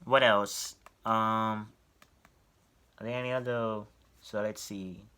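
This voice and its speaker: A man's voice: on the low side, steady tone, slow, pushed and bright, clear, resonant tone. A young man giving earnest, rambling advice in a casual vlog, with frequent ums and self-corrections. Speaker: YouTuber giving collector advice. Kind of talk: casual talking-head vlog.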